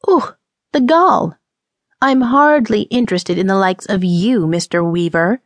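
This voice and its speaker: For an audiobook, a woman voices a prim Old West temperance lady who is easily scandalized and speaks in proper, formal language. Her mid-range voice moves at a normal speed with lively intonation, dry of echo and close to everyday speech, sounding prim and indignant.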